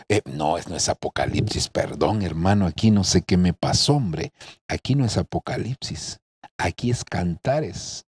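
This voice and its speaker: A man's voice: lowish voice, darkish tone, breathy edge. A middle-aged man preaching a sermon from home as a pastor, earnest and addressing his listeners directly.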